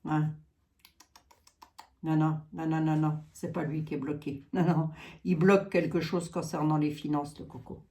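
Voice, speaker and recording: A woman's voice: low voice, little pitch movement, moderate pace, long pauses, dark tone. A woman with a Lorraine accent giving a tarot card reading, musing aloud with trailing asides and frequent tags. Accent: Lorraine French.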